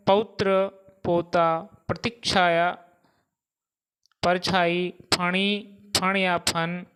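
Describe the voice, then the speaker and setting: A man's voice: high-pitched, a bit bright, clean tone. A man teaching a grammar lesson, reciting word pairs one by one and stopping to stress correct pronunciation. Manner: slow, deliberate recitation of vocabulary lists with pronunciation reminders.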